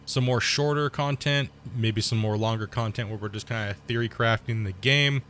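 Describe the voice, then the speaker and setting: A gaming channel host who is sick and losing his voice rambles casually over his own gameplay, explaining terms as he goes and bursting out excitedly at mishaps. His mid-range voice moves at normal speed, with slight background noise.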